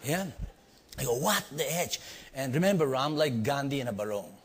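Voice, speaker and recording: Here the storytelling teacher, a middle-aged man with an Indian accent, sounds husky and expressive at a moderate pace in his mid-range voice. He performs his own exclamations and throws questions to the live audience while narrating a personal tale, the sound ringing with a hall's long reverb.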